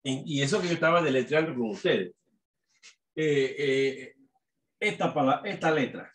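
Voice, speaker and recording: A male teacher giving a remote lesson. He speaks slowly and with emphasis, and he keeps asking "¿verdad?" to check that students follow. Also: medium pitch. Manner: repeats "¿verdad?" often, slow emphatic dictation.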